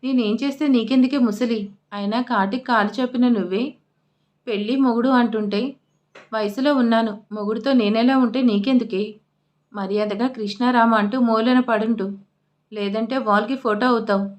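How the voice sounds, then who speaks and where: A woman's voice: a little high, steady tone, a little fast, natural voice. A woman voicing a sassy young wife who answers back sarcastically in an audio story. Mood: sarcastic. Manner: sarcastic, cutting.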